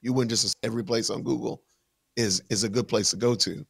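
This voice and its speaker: A man with a gravelly edge to his voice talks casually on a livestream. He walks through things step by step, with fillers and restarts along the way. The sound is dry and close. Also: on the low side, steady tone, fairly quick, no room sound. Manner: conversational, explains step by step with fillers.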